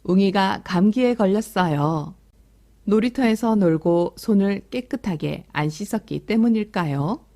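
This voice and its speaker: A woman with a mellow, medium-pitched voice reads at a measured pace. As a storytelling teacher, she shares a picture book with young children, soothing them and chatting along the way.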